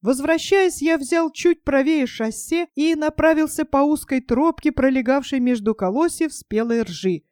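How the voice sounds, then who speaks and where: A woman narrating a first-person story as an audiobook in an even, measured way. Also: high-pitched, no room sound, clean studio sound.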